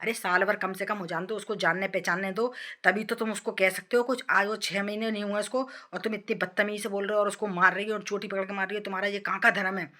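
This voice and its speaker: A woman's voice: medium pitch, steady tone, fast talker, bright, forceful tone, natural voice. A woman voicing a firm young husband. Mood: reproachful. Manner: firm, reproachful.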